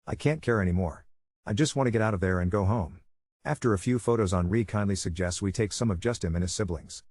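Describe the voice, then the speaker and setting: A man narrating an online story as a steady, even scripted read. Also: on the low side, no echo, clean studio sound.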